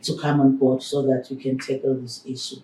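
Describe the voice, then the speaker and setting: A man's voice: mid-range voice, monotone, a little fast, mellow, a little hiss or hum. A man speaking earnestly as a guest on a talk show, often saying "you know", recorded from a distant mic in a roomy space. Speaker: guest, organization founder. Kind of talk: studio talk show interview.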